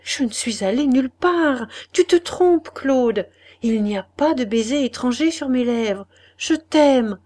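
A woman reading an audiobook, voicing a desperate woman who pleads in a high, imploring voice. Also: a little slow, mellow, slightly rough. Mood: pleading.

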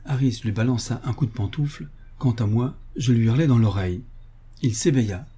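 A man reading a comic novel aloud in a lively, ironic way. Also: mid-range voice, fairly quick, husky. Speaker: audiobook reader. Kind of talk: expressive audiobook narration.

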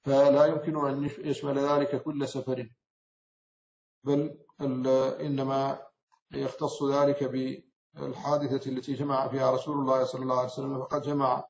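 A man from Mauritania, an Islamic scholar, giving a measured explanatory lecture on a classical text, often pausing and correcting himself. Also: mid-range voice, flat delivery, vocal fry. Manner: measured, explanatory, with frequent self-corrections and hesitations. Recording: roomy, slightly dull recording.

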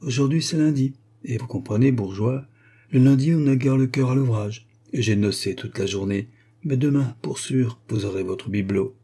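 A man reading an audiobook and voicing a hoarse, cynical male street thug who talks slangy and boastful. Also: mid-range voice, moderate pace, warm tone, pitched above the performer's own voice. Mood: jovial. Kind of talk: audiobook character voice.

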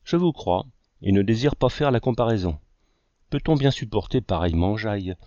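This is a fussy young artist who loves to argue, as an audiobook narrator puts him on. The low male voice sits dry and close, and the recording has a slightly dull, muffled top. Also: animated, moderate pace, dark tone, dry recording, close to an everyday voice. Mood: dismayed.

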